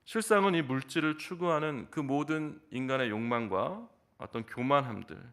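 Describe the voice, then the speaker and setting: A man's voice: mid-range voice, moderate pace, a bit bright. A male pastor delivering an earnest early-morning sermon, asking the congregation rhetorical questions and dropping in filler interjections.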